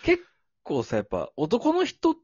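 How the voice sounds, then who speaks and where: A man co-hosting a casual talk podcast, easygoing and quick to laugh. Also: very high voice, wildly swooping pitch, a little mellow, husky, dry recording. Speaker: co-host. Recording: slightly muffled lo-fi audio.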